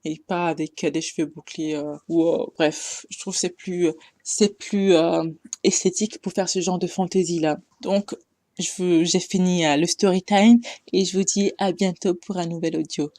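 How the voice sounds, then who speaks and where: A woman's voice: lowish voice, steady tone, moderate pace, mellow, no echo. A young woman giving a casual storytime monologue, exhorting her listeners with passion and many hesitations. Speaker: storyteller addressing her audience.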